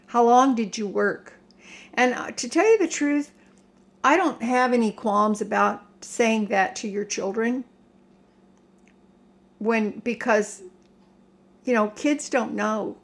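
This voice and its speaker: An older American woman giving a casual rant to viewers in a halting, emphatic, plain-spoken way. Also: a little high. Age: older, 60s or above. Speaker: home vlogger. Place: home kitchen.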